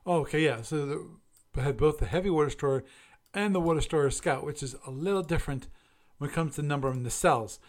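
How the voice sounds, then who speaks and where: Chatty man with a higher voice. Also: quick pace, few pauses. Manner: musing, self-correcting, chatty. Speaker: podcast host. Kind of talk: casual solo review and chat.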